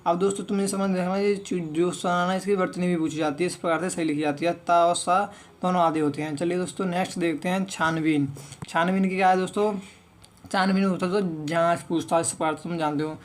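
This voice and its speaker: A young man teaching an online Hindi exam-prep lesson, reading word lists slowly and often saying "okay, friends". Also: sits high, flat delivery. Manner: reads word lists slowly, one word at a time.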